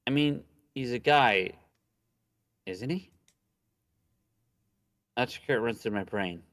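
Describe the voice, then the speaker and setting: A man reads a visual novel aloud on stream and chats casually about it, cracking crude, slangy jokes. His medium-pitched, slightly bright voice moves slowly, and the recording is dry.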